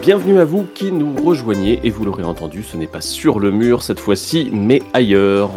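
A man's voice: on the low side, sing-song, moderate pace, music in the background. A man hosting a podcast in casual chat, hesitant, with many filler sounds and restarts. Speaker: podcast host.

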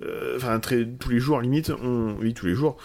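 A man's voice: medium pitch, fairly even intonation, moderate pace, darkish tone, a little hiss or hum. A man guesting on a casual podcast, talking in long, rambling runs with many restarts.

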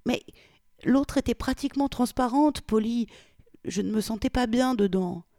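A woman doing a frightened young woman pleading high. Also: normal speed, dark tone, no room sound, studio quality, close to an everyday voice.

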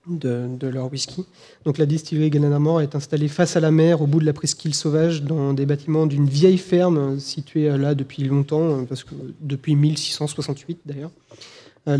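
This is a man talking casually on a live podcast. His pitch sits a little high, and his tone is dark and mellow. He hesitates a lot, restarting sentences and filling gaps with "euh". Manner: hesitant, many fillers and restarts. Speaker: podcast co-host presenting whiskies. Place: live event recording.

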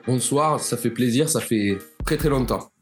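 A man's voice: medium pitch, moderate pace, faint music behind, lightly acted. A man putting on a southern French accent in casual podcast chat. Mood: friendly. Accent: put-on southern French.

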